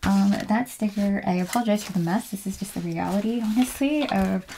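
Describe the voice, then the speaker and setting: Talking fairly quickly at medium pitch over a noisy background, a woman crafts at home and narrates for her planner video. Her chat is casual and self-directed, often trailing off into murmurs.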